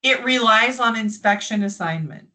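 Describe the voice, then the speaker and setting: Chatty woman leading a software training. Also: on the high side, normal speed, poor audio. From United States. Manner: friendly, chatty, explanatory. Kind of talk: live software training webinar.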